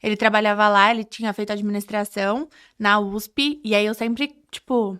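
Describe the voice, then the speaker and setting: A woman's voice: medium pitch, steady tone, moderate pace, sharp tone, smooth. A woman in her twenties with a Brazilian Portuguese accent, a podcast guest telling her story in a hesitant, chatty way with many fillers. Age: 20s. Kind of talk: casual interview chat. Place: podcast studio.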